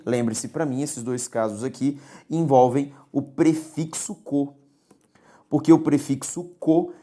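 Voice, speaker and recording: Low, mellow-voiced woman teaching grammar. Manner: didactic, repeats key words, checks in with "tudo bem?". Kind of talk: recorded grammar lesson.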